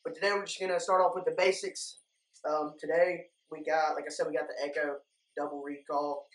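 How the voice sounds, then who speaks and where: Young man, slightly high voice, informal instructor, casual how-to delivery, recorded at a distance. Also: flat delivery, a little fast. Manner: informal, plain-spoken, addressing viewers as guys. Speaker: duck calling instructor, video host. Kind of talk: casual instructional talk to viewers. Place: indoor room lined with duck decoys. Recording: echoey room, distant microphone.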